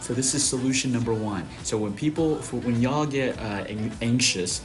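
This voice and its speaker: At a moderate pace and medium pitch, a Taiwanese man who works as an acupuncturist gives casual health tips to camera. His talk is conversational and instructional, peppered with short tag questions to check in.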